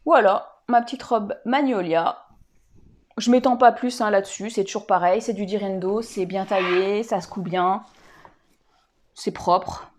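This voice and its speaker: A woman's voice: mid-range voice, a little slow. A woman sewing vlogger in casual, chatty talk, with many fillers and asides. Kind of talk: casual chat.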